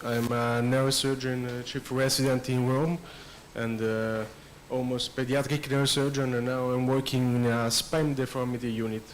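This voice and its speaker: Man from Italy, neurosurgery resident, hesitant self-introduction, flat delivery, faint background noise. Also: mid-range voice, normal speed, rough recording. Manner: hesitant, searching for words.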